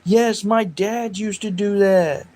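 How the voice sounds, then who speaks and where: A man with a somewhat raised pitch talks casually on a livestream. He rambles between jokes and stories and turns sharp and dismissive when he answers trolls in the chat. It is unscripted, easygoing talk. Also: fairly even intonation, takes it slowly, low-quality recording. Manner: rambling, jokey, snapping back at chat trolls.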